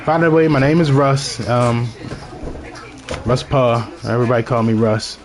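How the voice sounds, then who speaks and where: Speaking at a moderate pace and medium pitch, a Baltimore man with a thick local accent chats to his audience in rambling, casual commentary on the game he's playing.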